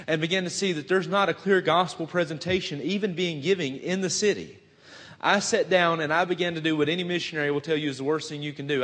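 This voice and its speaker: Standing in a church sanctuary that rings with long reverb, a young Virginian missionary in his twenties warms up before preaching, speaking in a folksy Southern way, sprinkling in many "uh"s and poking fun at himself. His voice sits a little high, with a fairly bright tone.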